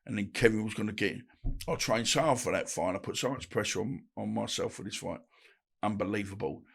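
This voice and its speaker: A middle-aged man, a guest telling stories from his boxing days in a halting, rambling way, full of restarts. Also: lowish voice, creaky, fairly bright tone, husky. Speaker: guest, ex-boxer. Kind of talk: casual interview chat.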